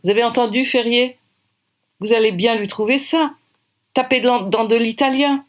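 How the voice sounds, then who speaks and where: A woman's voice: fairly high pitch, steady tone, normal speed, pitched above the performer's own voice, natural voice. A woman voicing a bossy woman stylist who gives curt, clipped orders. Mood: commanding. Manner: commanding, clipped.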